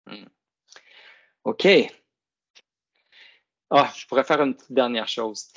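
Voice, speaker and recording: A middle-aged man leads a phonics demonstration in a coaxing teacher's voice. His tone is gravelly and he stretches out the words he wants pupils to repeat. The recording sounds dull and lo-fi. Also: medium pitch, takes it slowly, fairly bright tone. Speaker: teacher trainer. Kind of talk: classroom reading demonstration.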